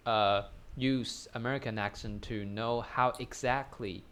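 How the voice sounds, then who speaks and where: A man's voice: medium pitch, fairly even intonation, a bit bright. Man with a British-tinged accent. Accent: British-influenced English. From Taiwan. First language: Taiwanese Mandarin. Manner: simple phrasing, searching with "uh" pauses. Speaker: guest. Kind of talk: casual interview chat.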